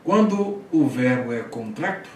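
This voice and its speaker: Unhurried and animated, a man of medium pitch and darkish tone teaches his class, a Greek teacher walking students through things step by step. Hesitant restarts and frequent "tá?" check-ins mark his lecture, which is captured from a distance in an echoey room with a little hiss or hum.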